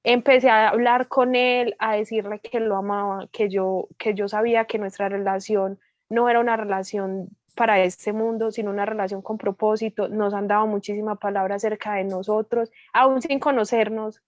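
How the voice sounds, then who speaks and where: A woman with a Colombian accent giving a lively testimony as a guest speaker, acting out the dialogue as she tells it. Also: mid-range voice, normal speed, hardly any pauses, dry recording, lo-fi sound. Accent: Colombian Spanish. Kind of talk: testimony in a prayer meeting.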